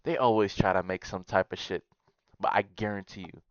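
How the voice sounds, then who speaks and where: Brief: man, low smooth voice, blunt profane reaction commentary, dry dull lo-fi recording. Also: steady tone, a little fast, no room sound. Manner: profane, blunt, with loud outbursts. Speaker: YouTuber reacting to Reddit posts.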